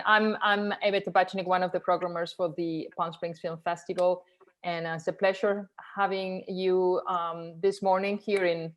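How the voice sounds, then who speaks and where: A woman who programs for a film festival, moderating a Q&A over a video call. She speaks hesitantly, with many ums and uhs. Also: lowish voice. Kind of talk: festival Q&A conversation.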